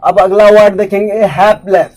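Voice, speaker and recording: A man with an Indian accent teaching English vocabulary in Hindi, spelling each word out and repeating it slowly. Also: sits high, steady tone, darkish tone, rough recording.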